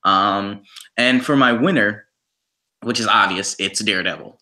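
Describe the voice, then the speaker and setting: A man's voice: on the low side, a little slow, sharp tone. A young man co-hosting a podcast, chatting casually and enthusiastically about his favorite shows. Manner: enthusiastic, playful. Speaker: podcast co-host. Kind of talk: casual chat.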